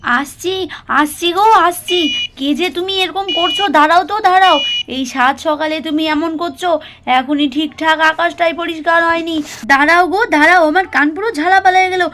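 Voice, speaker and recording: A woman's voice: sits high, normal speed, a bit bright, a little hiss or hum. Woman doing a flustered pleading young wife. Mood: annoyed. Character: flustered young wife soothing her mother-in-law.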